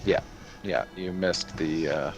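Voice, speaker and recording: Deep-voiced male game master, patient rules explainer, colorful combat narrator, light music bed. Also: slow. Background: soft background music.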